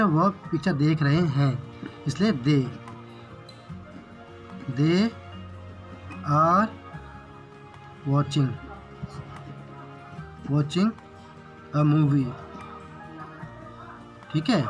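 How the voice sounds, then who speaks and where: A man teaching basic English grammar in Hindi, explaining each example slowly and repeating "ठीक है" after each one. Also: fairly high pitch.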